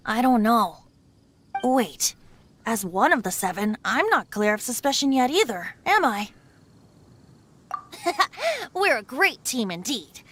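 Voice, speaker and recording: In a slightly high voice, a woman plays a video game's youthful, boyish male bard, a god who is playful and philosophical, breezy and sometimes wistful.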